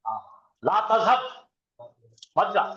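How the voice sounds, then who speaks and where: A man with a high voice teaches a grammar class, firing questions at his students and waiting for them to answer back. He runs through verb forms in sing-song lists. The lecture was captured on a dull, lo-fi recording in a roomy classroom. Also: big pitch swings, takes it slowly, sharp tone. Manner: drills students with call-and-response questions; chants verb conjugations in rhythmic lists.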